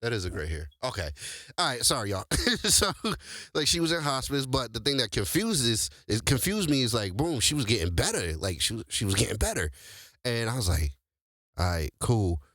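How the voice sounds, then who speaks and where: Male host, 40s, casual slangy storyteller, lively swinging pitch, dry close sound. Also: a little fast, dry recording. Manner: animated, laughs often, slangy and loose.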